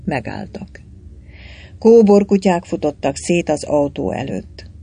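A man reading an audiobook aloud in a wry, expressive storytelling manner. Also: on the high side, gravelly, slightly rough. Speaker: audiobook reader. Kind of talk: audiobook narration.

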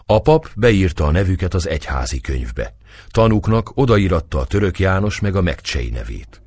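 Deep expressive male audiobook narrator, dry close sound. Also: breathy edge, no room sound. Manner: storytelling, expressive. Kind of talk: scripted narration.

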